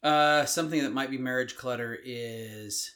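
A middle-aged co-host of a laid-back marriage podcast talks in a medium-pitched, bright, forceful voice. Thoughtful yet halting, he keeps starting his sentences over.

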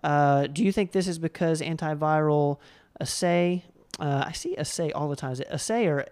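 Smooth, clear host, mid pitch, friendly live Q&A reader. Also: moderate pace. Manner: relaxed, friendly, with frequent fillers. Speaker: host reading viewer questions.

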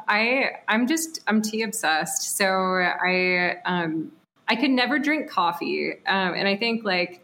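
A woman's voice: lowish voice, creaky, fairly bright tone, slight background noise. A woman in her thirties from Texas, a company founder chatting as a podcast guest, full of fillers and frequent laughs. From Texas, USA. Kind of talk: casual interview.

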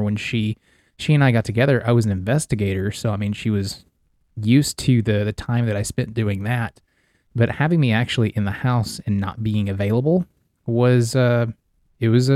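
A man's voice: mid-range voice, darkish tone, dry recording, clean studio sound. Slightly wheezy man hosting a casual podcast. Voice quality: slightly wheezy, mouth-breathing. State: congested breathing. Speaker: podcast host and author. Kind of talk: casual solo podcast talk.

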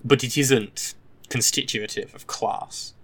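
A man with a modern British RP accent from the south of England in casual political discussion. His voice sits at an average pitch. He is opinionated, often restarting and repeating phrases as he builds a point. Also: steady tone, fairly bright tone, slightly rough. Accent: modern British Received Pronunciation, southern English. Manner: opinionated, halting and repetitive, with frequent tag questions.

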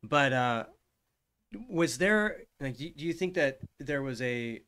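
A man hosts a live Q&A interview, posing careful, probing questions and working through them aloud. His mid-range voice is expressive and a bit bright, with a clean tone and a slow pace.

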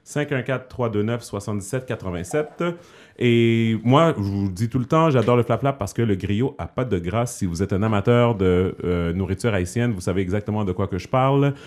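Speaking at a normal speed with a fairly low pitch, a man hosts a casual podcast in a Quebec French accent. His chatter is relaxed and full of fillers, with English expressions dropping in now and then.

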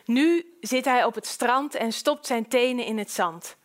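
Woman with a fairly high voice, calm, measured audiobook narrator.

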